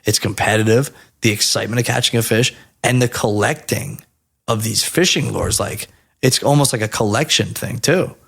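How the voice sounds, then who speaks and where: A man in his thirties from New Jersey, telling stories as a podcast guest in a casual, animated and profane way. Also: fairly low pitch, normal speed, creaky, husky.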